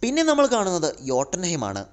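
A man narrating a comic-book story in lively scripted storytelling. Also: high-pitched, brisk.

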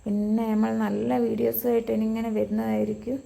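Woman, Malabar Malayalam accent, English words mixed in, higher-pitched, gravelly creak, casual chatty vlog narration. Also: flat delivery, brisk, dark tone. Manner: chatty, addresses viewers familiarly. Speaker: family vlog host.

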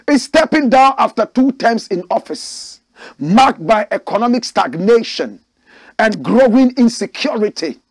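A man's voice: a little high, breathy edge, no echo. A man hosting a political commentary show, reading a news report aloud and breaking in with emphatic, preachy asides and rhetorical questions.

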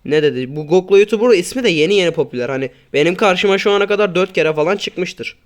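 A man doing casual gameplay commentary, grumbling and swearing at his teammates, then breaking into sudden loud outbursts. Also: sits high, lively intonation, fast talker. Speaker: gaming YouTuber.

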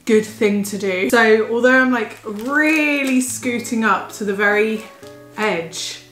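A young vlogger, heavily pregnant and a little breathless, chats eagerly through a casual food haul at home. She speaks slowly in a slightly high, fairly bright voice, recorded in a roomy space with faint background music.

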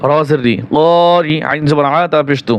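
A man teaching Quran reading, spelling out syllables one by one and then reciting them in a patient, drawn-out sing-song. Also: a little high, steady tone, lo-fi sound, a little hiss or hum. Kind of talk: spelling out and reciting verses slowly.

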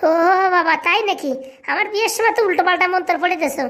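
A voice actor playing an eager, excitable servant man in a comic cartoon. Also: extremely high pitch, rapid-fire. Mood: hurried.

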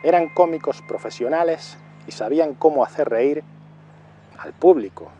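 A middle-aged man reviews a film with a mellow, darker tone, spelling out his points with deliberate care. He often repeats titles and dates to drive them home, while soft music plays faintly behind him. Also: on the high side. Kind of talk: scripted film review monologue.

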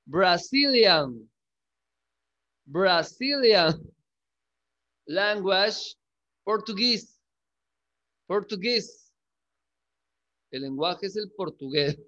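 A male English teacher giving a class, repeating words slowly and checking in with questions. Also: sits high, animated, pushed and bright, dull audio. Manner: coaxing, checks in with frequent questions. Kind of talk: classroom lesson.

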